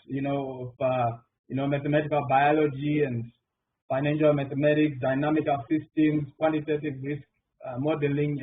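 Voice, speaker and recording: On a panel, a middle-aged Zimbabwean mathematician gives a round table answer in a slightly high voice, stumbling through many fillers and restarts. The mic is distant, and the audio resembles a phone-like online call with faint noise.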